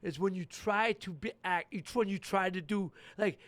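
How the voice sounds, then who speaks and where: A podcast host talks in a rambling, emphatic way. His voice is high for a man. The studio sound is dry and close. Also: moderate pace, fairly bright tone, no echo. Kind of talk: casual chat.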